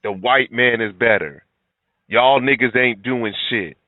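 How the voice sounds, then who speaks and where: A man's voice: mid-range voice, a little slow, dry recording. A middle-aged man giving blunt, preachy reaction commentary, lecturing his listeners. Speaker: commentary video host. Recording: tinny, phone-like, dry sound.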